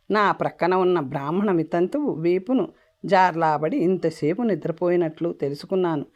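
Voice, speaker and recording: A woman reads a story aloud in a plain, steady narrating manner. Her voice sits a little low. The recording is dull and lo-fi. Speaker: audiobook narrator. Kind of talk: storybook reading. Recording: dull lo-fi audio.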